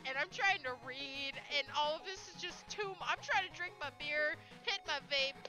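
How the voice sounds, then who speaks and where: A woman live streamer chatting excitedly at home, squealing, laughing and swearing as she thanks her viewers. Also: sits high, normal speed, music in the background, rough recording.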